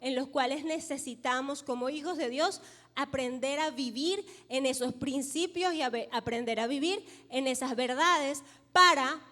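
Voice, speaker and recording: A woman pastor with a high voice delivers a sermon. She reads scripture and calls on the congregation to repeat phrases after her. Her voice carries with a long, ringing church reverb. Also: bright, forceful tone. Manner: leads the congregation in call-and-response repetition; reads scripture aloud, slowing for emphasis. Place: church sanctuary.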